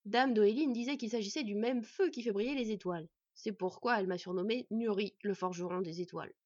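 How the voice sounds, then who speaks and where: A woman voicing a proud old male dwarf blacksmith with booming, emphatic exclamations. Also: a little fast, darkish tone, no echo, muffled recording, close to an everyday voice. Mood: warm.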